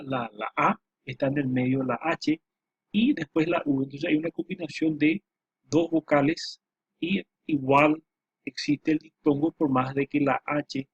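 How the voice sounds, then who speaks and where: Slow, husky man teaching a lesson. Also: fairly high pitch, dry recording. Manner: slow, repeats himself, many fillers. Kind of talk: spoken lesson over slides. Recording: dull dry lo-fi voice recording.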